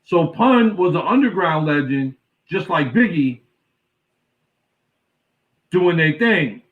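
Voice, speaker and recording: A man's voice: on the high side, animated, slow. A man who is a guest host on a casual chat, explaining his points in a laid-back way. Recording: distant, dull lo-fi remote audio.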